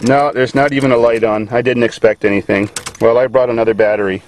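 A man in his own easygoing voice talks through an old car in a grassy field, folksy and quick with a joke. The sound is camera audio taken outdoors, with a steady hiss of noise underneath. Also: medium pitch, poor audio. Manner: folksy, joking, running commentary while working. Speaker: car channel host. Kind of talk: casual hands-on vlog narration. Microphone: handheld camera mic.

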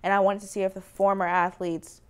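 A woman presenting her documentary from a living-room couch, speaking earnestly and in a measured way. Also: medium pitch, little pitch movement, smooth. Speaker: documentary director and host. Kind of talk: direct-to-camera documentary introduction.

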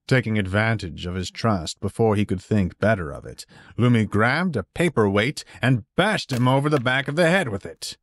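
Deep-voiced man narrating a story. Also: expressive, moderate pace, few pauses, no room sound. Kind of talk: fan fiction audiobook narration.

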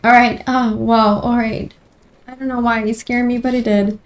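A woman's voice: on the high side, level tone, moderate pace. A woman streamer giving casual commentary while playing a horror game, easily startled and talking to herself. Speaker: gameplay streamer.

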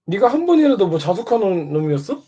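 A man with a high, husky, dark-toned voice mocks and scolds another streamer in a fast monologue with big pitch swings. He needles him again and again with short questions, repeatedly prodding with "eh?". The recording has dull, lo-fi sound.

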